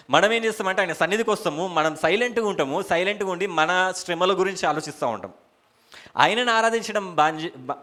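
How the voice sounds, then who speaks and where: Telangana telugu guy preaching in church, highish voice, keeps yelling hallelujah and asking the crowd stuff. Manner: punctuates with shouted hallelujahs and rhetorical questions; soft murmured prayer at the start. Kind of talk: church sermon with opening prayer.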